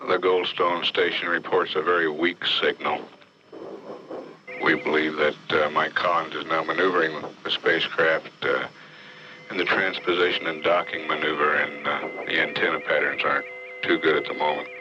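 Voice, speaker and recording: A man giving measured, matter-of-fact live spaceflight commentary as a mission control announcer. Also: rumbling low, little pitch movement, background noise. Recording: muffled archival broadcast under loud music. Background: loud music.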